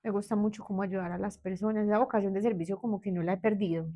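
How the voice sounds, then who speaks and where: A woman's voice: mid-range voice, fairly even intonation, fast talker, warm tone. Colombian woman, thirties, medellín accent, candid interview guest, hesitant with restarts. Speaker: guest, therapist. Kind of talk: personal storytelling interview.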